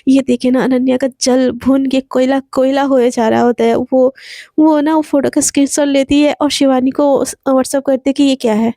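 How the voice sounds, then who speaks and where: High-voiced woman telling a story. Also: little pitch movement, normal speed, dark tone, no room sound, clean studio sound. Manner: chatty, dramatic retelling. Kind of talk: casual story narration.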